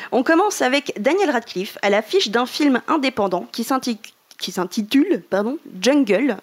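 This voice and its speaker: A woman co-hosting a casual podcast, reading fan news items in a playful way and now and then stumbling over words and apologizing. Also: a little high.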